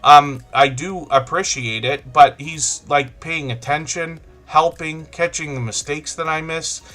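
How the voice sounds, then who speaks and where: Chatty livestream host, bright voice. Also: male voice, a little high, measured pace, faint music behind. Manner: chatty, greets viewers by name, rambling. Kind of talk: casual live-stream chat.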